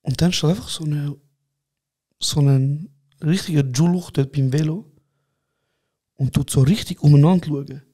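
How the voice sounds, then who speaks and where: A young man with a Swiss German accent, co-hosting a podcast and retelling a quarrel in animated casual chat, acting out both sides. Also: on the high side, moderate pace, pauses often, slightly rough. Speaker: podcast co-host.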